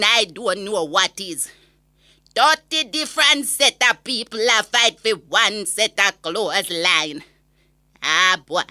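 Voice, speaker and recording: Casting: woman as opinionated Jamaican granny, high and very sharp voice, indignant gossipy comic monologue. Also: no room sound, studio quality. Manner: gossipy, exasperated, animated storytelling. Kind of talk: comic monologue rant in an audio story.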